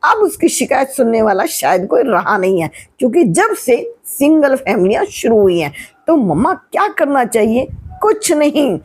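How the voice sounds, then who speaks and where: High, lively, husky woman in her sixties. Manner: patient, teacherly, asks and answers her own questions. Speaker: retired teacher giving advice. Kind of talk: explanatory family advice talk.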